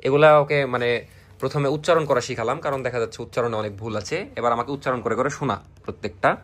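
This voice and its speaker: Young man, casual family vlog, rushing speech, scolds like a big brother. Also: mid-range voice, steady tone, fairly bright tone. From Bangladesh. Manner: rapid, chatty, scolding like an older sibling. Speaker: family vlogger. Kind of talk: casual vlog narration and tutoring.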